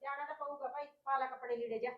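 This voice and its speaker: An actress playing a mother who tries to calm her angry son while scolding her daughter. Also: high-pitched, quick pace, muffled recording, natural voice. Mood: stern. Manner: soothing yet stern.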